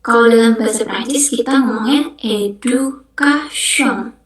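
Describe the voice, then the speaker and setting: A young woman with a fairly high voice teaches a beginner class at an unhurried pace. She says each word carefully and repeats it patiently. Her voice rings a little in an echoey room. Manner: slow, patient explanations, repeating words carefully. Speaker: French language mentor. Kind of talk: online beginner language lesson.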